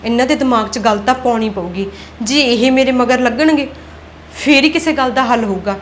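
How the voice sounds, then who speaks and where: Woman playing a high-voiced scheming young wife. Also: fairly quick, a little hiss or hum, lightly acted. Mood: plotting. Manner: argumentative, self-talk plotting. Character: scheming young wife guarding her son's land. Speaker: daughter-in-law. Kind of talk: Punjabi web-series acting.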